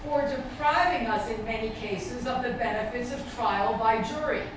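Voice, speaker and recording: A woman with a fairly high voice delivers a stately, measured recitation. She sounds distant from the microphone in a very reverberant space, with clear background noise. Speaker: public reader at a commemorative event. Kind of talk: formal public recitation of a historical declaration. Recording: distant, very echoey, noisy background.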